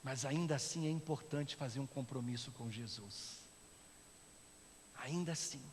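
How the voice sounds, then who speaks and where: A man with a Brazilian Portuguese accent preaching a sermon as pastor, swinging from loud shouting to hushed, quiet speech. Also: medium pitch, unhurried, slight background noise. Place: church sanctuary. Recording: long church reverb with soft instrumental music.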